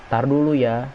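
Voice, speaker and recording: Man chatting over a football game. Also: mid-range voice. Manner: chatty, reacts to plays and reads chat aloud. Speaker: gaming streamer. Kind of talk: casual live game commentary. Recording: dull lo-fi stream audio, faint noise.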